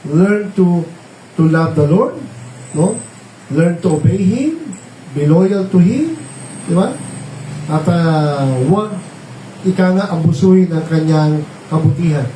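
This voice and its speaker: A man with a fairly high, dark voice preaches a sermon, switching between Tagalog and English and often checking in with listeners using tag questions. The mic is distant in a roomy space, with faint ambience and slight background noise.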